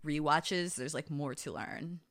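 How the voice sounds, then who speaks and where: A woman co-hosting a podcast, chatting casually in a lively, giggly way. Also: low voice, a little slow. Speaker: podcast co-host. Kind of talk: casual chat.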